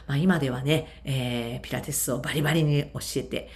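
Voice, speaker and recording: Low-voiced woman host, easy chatty interviewer who fills with asides. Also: steady tone, fairly quick, darkish tone, slight background noise. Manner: chatty, many fillers and asides. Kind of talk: casual interview chat.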